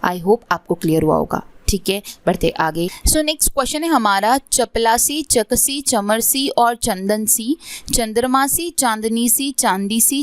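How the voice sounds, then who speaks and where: A woman's voice: mid-range voice, dry recording. A woman teaching an online exam-prep lesson, mixing English words into her Hindi and often checking in with "theek hai".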